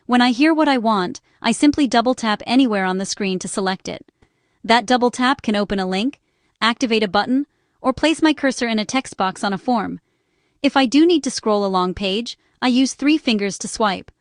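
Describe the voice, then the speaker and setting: This woman's voice is slightly high, recorded at studio quality with no echo. As a narrator and small business owner, she reads a scripted explainer about accessibility, keeping her phrases short and instructional.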